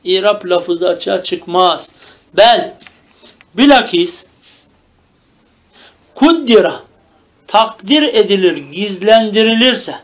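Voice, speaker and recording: A man teaches a grammar lesson in a high, light voice. He asks his own questions and answers them, going over each term again and again. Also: measured pace, hardly any pauses, a bit bright. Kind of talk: lecture.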